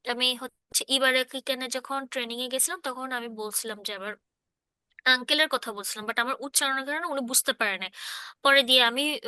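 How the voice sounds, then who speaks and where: A woman's voice: high voice, bright, forceful tone, no room sound, clean studio sound. A woman teaching a casual online class, explaining patiently and often checking that students follow. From Bangladesh. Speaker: Japanese language teacher.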